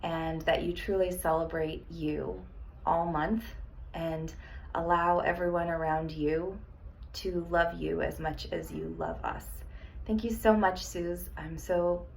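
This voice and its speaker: A woman's voice: lowish voice, fairly even intonation, takes it slowly, gravelly, a little hiss or hum, poor audio. A woman giving a heartfelt, grateful birthday message to a friend.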